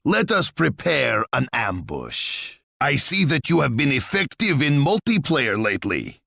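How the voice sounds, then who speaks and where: A gleeful, menacing tsar for a video game. The voice is gravelly and husky. It swoops dramatically up and down, pompous and relishing its own threats. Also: male voice, mid-range voice, huge pitch swings, unhurried, sharp tone, dry recording, studio quality, exaggerated voice. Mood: calculating. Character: boastful, menacing Russian tsar and warlord, imperious and gleeful. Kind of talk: video game character voice lines.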